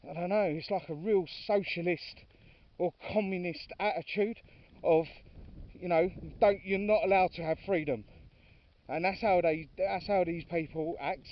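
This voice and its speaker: A man's voice: a little high, far from the mic. Man chatting on a dog walk. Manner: chatty and informal, calling his dogs now and then. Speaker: dog walker filming his walk. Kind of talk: casual vlog commentary while walking. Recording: dry, dull lo-fi sound from off-mic.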